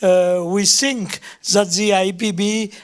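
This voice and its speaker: Hesitant man, high slow voice. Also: fairly even intonation. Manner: hesitant, many fillers, non-native English. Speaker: audience member, peace activist. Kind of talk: question from the floor. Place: conference hall.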